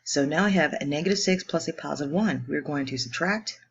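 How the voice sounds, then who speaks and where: A woman math teacher working through homework problems step by step in a brisk, upbeat way, joking now and then at her own expense. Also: low-pitched, gravelly, muffled recording, a little hiss or hum. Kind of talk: homework walkthrough lesson.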